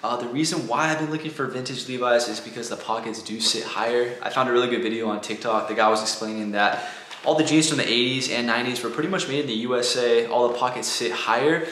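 A man in his thirties chatting casually to a handheld camera as a vlogger, relaxed and full of "like" and "gotcha". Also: medium pitch, fast, roomy sound, a little hiss or hum. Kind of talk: casual vlog narration. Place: outdoor flea market, car and apartment kitchen. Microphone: handheld camera at arm's length.

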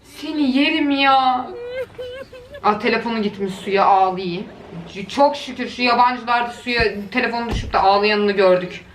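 A woman's voice: a little high, normal speed. Chatty woman cooing at clips. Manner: chatty, coos doting exclamations at clips. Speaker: video creator. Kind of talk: casual reaction commentary. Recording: echoey room with faint noise.

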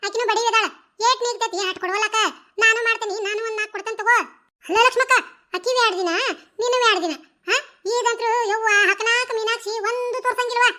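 A woman's voice: very high-pitched, steady tone, fast talker, bright, forceful tone. A woman voicing a chatty, stingy older village woman in a cartoon comedy, speaking with a North Karnataka Kannada accent, bantering, laughing, and stammering when she is caught out. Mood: gossiping.

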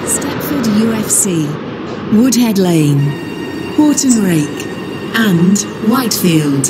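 Woman reading out stops in spliced-together bits, really slow, lilting, loud train noise under it. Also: big pitch swings. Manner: measured, evenly paced listing with uneven joins. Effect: spliced-together recorded words. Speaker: automated train announcer. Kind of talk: recorded calling-point announcements. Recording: train announcement with loud rumble. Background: train running noise.

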